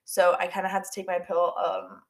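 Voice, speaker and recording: A woman's voice: on the low side, level tone, fairly quick. Chatty young woman with a stuffy nose. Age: young adult. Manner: chatty, filler-heavy with lots of "like" and repeats. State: stuffy, nasal from allergies. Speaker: podcast host. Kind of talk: casual solo podcast chat.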